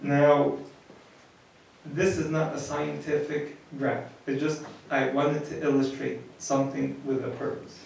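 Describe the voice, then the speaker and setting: A priest with a fairly high voice gives a marriage lecture in a plain, conversational way, restarting and repeating words as he goes. He is heard from well off the mic, and his voice bounces around a very echoey room. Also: level tone, measured pace, creaky, a little mellow, far from the mic, a little hiss or hum. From United States.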